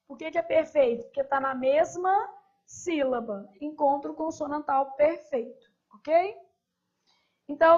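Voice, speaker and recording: A woman with a high, somewhat dark voice works through exam questions one at a time, frequently checking in with quick tag questions. It's a recorded exam review lesson, and the audio sounds muffled.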